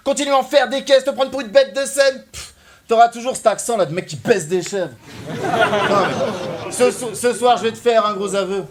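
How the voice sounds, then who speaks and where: Very high-voiced mocking battle rapper. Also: male voice, normal speed, over a noisy crowd, very noisy. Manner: mocking, loud taunting delivery. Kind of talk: a cappella rap battle verses.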